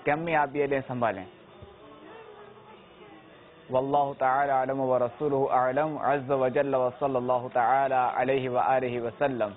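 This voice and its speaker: A man's voice: mid-range voice, level tone. A man speaking plainly and instructively, advising children. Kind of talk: simple advice to children. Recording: tinny phone-like sound with faint noise.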